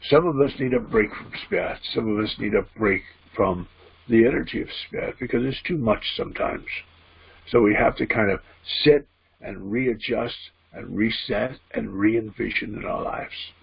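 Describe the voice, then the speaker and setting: A man voicing a spirit guide as a trance medium at a seance, teaching solemnly and deliberately in a gravelly, husky voice. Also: lowish voice. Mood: calm, instructive. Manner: seance medium manner, preachy, deliberate, emphatic repeated phrasing. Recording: dull, muffled lo-fi audio.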